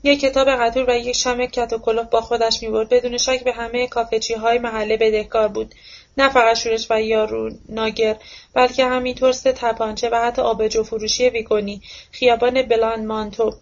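A woman reads a novel aloud in a steady, even manner. Her voice sits somewhat high but barely moves in pitch. The recording sounds dull and lo-fi. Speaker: audiobook reader. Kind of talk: novel narration.

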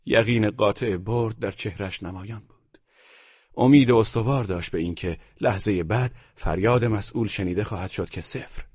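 A man narrating an audiobook novel in an expressive, storytelling way. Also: lowish voice, slightly rough, dry recording. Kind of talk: scripted narration. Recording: dull, dry studio recording.

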